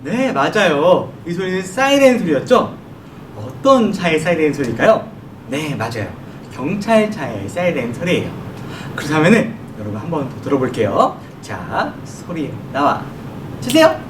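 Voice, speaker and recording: A man preaches to children in a high voice that swings up and down. He keeps asking the kids questions and answers them himself. The recording sounds roomy and distant, with a low rumble behind it. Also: sing-song, normal speed. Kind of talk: children's sermon. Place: church worship room. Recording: echoey room from far off, noisy.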